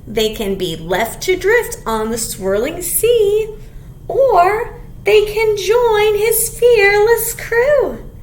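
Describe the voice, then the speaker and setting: Her voice is very high-pitched and extremely slow as this middle-aged woman runs a children's storytime. She reads a picture book expressively, addressing young listeners with simple questions; the small room sounds echoey, with background hiss.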